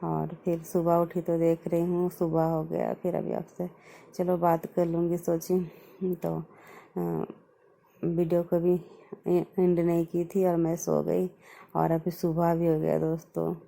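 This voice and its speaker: Young female vlogger, low and flat, speaking softly and chatting casually with her viewers. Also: a little slow, vocal fry, poor audio. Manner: chatty, keeps addressing viewers as friends; speaking softly while others sleep. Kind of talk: casual vlog chat.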